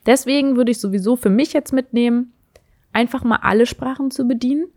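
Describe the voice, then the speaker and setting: With a fairly high, slightly mellow voice, a young woman speaks fairly quickly as she thinks aloud about relationships. She is thoughtful and hesitant, using lots of fillers and restarts in this casual reflective monologue. The studio-quality recording has no room sound.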